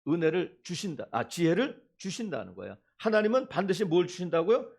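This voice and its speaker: High, husky-voiced male pastor preaching. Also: brisk. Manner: animated, asks the congregation questions and acts out quoted voices. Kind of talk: sermon.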